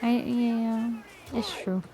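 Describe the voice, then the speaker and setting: A woman's voice: on the high side, steady tone, slow pace, dark tone, slight background noise, rough recording. A woman streamer chatting casually while gaming, giggling, swearing and filling her talk with fillers. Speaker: game streamer.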